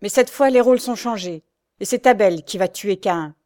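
A woman's voice: mid-range voice, moderate pace, close to an everyday voice. A woman doing a fierce, defiant young man. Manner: loud, fierce, resolute. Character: humble young male knife-grinder turned defiant.

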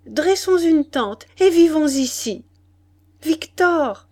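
A woman's voice: high-pitched, slow, a little mellow, pitched above the performer's own voice. A woman voicing a rapturous young noblewoman. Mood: delighted. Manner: rapturous exclamations. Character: young noblewoman, lively, enchanted, newly healthy. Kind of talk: audiobook reading.

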